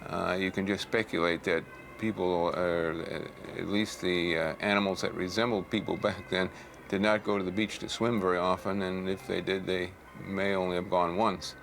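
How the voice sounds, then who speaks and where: A man explaining as an expert in a documentary interview, hesitant and measured. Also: low-pitched, little pitch movement, gravelly, a bit bright. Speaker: shark fossil expert. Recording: faint background ambient noise.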